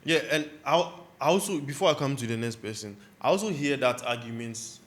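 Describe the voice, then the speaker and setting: Male host, casual football chat, mid pitch, easygoing and talkative. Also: animated, fairly quick. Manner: chatty, laughing, introduces panelists.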